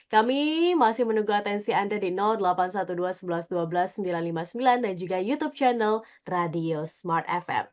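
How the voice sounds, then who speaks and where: A woman hosting a radio talk show, greeting listeners and putting lively questions to her guest. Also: mid-range voice, fairly quick, dull audio. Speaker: radio host.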